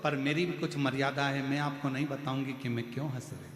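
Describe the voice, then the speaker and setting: A man's voice: medium pitch, fairly even intonation, fast, fairly bright tone, lightly acted. A man voicing a stubborn queen who firmly refuses to explain herself, recorded in an echoey hall. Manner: firm, refusing. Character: stubborn queen, wife of the king. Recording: echoey hall with faint music.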